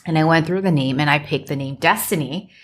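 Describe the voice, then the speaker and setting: A woman from the United States hosting a solo business podcast, speaking in a measured way and building her points in emphatic lists. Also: low voice, a little hiss or hum. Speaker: podcast host and business coach. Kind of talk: solo motivational podcast talk.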